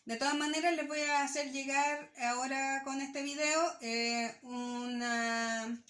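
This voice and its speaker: A woman teaching a recorded lesson to young children, with a fairly high voice. She is patient and explains step by step, checking in with the class after each point. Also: steady tone, takes it slowly, fairly bright tone.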